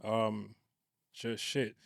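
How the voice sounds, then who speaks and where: A man chatting casually on a podcast in slangy, somewhat halting talk. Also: lowish voice, little pitch movement, gravelly, no room sound, studio quality. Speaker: podcast participant. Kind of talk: casual chat.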